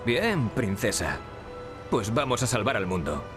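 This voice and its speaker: An actor with a Spanish accent from Spain dubs video game dialogue as a cocky, sarcastic young male adventurer, delivering the lines in a wry, flippant, composed way. His voice is fairly low and sing-song at an unhurried pace, with loud music playing behind it.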